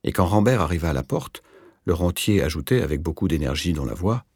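Deep husky male audiobook narrator. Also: lively intonation, darkish tone, dry recording, studio quality. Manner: measured, composed reading. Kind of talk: scripted literary narration.

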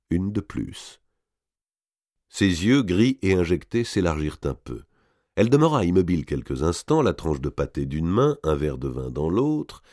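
A man with a very low voice reads a literary novel aloud. His delivery rises and falls in lively contours, measured and expressive. The sound is dry and close to the mic. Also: no room sound. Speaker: audiobook narrator. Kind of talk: dramatic literary reading.

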